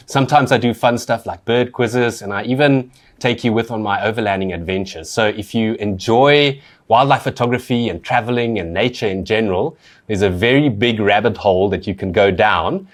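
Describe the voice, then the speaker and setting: A South African man with a fairly low voice hosts a wildlife photography podcast. He talks in a relaxed, easygoing way, stopping now and then for an "um". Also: moderate pace. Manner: relaxed, conversational, frequent "um". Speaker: podcast host. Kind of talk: casual podcast chat.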